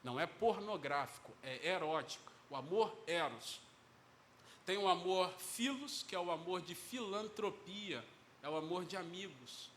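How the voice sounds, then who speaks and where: A man with a Brazilian Portuguese accent preaching a sermon as pastor in a church, acting out the dialogue of the story with lively shifts in his voice. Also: high voice, unhurried, slight background noise.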